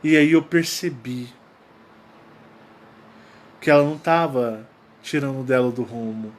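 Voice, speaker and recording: This channel host speaks unhurriedly in a mid-range voice with fairly even intonation. With a Brazilian Portuguese accent, he casually relates a personal story, acting out quoted lines, emphasizing points, and repeating key phrases.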